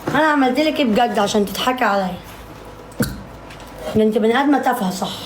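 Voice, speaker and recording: Speaking quickly in a high-leaning voice, this live streamer with an Egyptian Arabic accent grumbles and argues with her audience during a relaxed stream. There's a bit of hiss or hum, and the room echoes.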